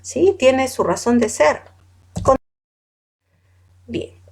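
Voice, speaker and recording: A woman lectures a class at a slow, deliberate pace, her voice sitting on the high side. She reads out long word lists item by item, stops to correct how words are pronounced, and puts questions to her students. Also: animated, creaky, darkish tone. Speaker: teacher.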